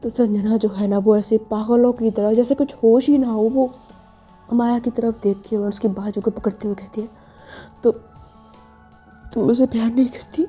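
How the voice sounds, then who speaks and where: Woman narrator for a spoken love story, casual chatty delivery, high dark voice. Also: fairly even intonation, moderate pace, dull audio, faint music behind. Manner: chatty, uses filler "na".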